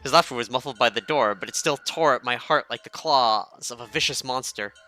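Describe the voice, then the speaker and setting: A man streaming a game, reading narration aloud and reacting with excitable, profane jokes. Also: mid-range voice, brisk.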